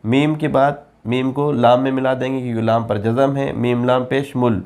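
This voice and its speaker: A man teaching Quran reading, spelling syllables slowly one by one and then explaining the rules in quicker asides. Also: mid-range voice, steady tone, darkish tone. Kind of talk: slow letter-by-letter spelling lesson.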